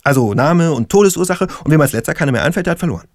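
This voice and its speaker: A man reading an audiobook, voicing a crude, excitable young stoner who works as a stonemason and speaks in a blustery way. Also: high-pitched, fast, no room sound, studio quality, voice pushed up. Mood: excited. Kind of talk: audiobook character voice.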